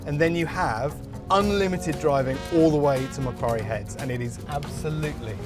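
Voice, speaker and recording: Male Australian travel host, fairly high register, dry jokey delivery, over prominent music. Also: moderate pace. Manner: wry, jokey, understated. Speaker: travel show presenter. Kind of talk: travel vlog narration and casual on-camera chat.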